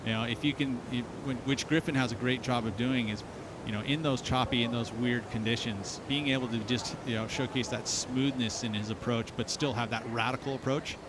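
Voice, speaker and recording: A man's voice: fairly even intonation, fairly quick. Conversational male surf analyst, noisy broadcast. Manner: conversational, explanatory. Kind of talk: live analytical commentary. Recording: clear outdoor rumble and noise.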